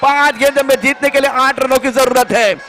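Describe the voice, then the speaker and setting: A man with an Indian accent giving excited, exclamatory live cricket commentary as the match unfolds. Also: extremely high pitch, a little fast.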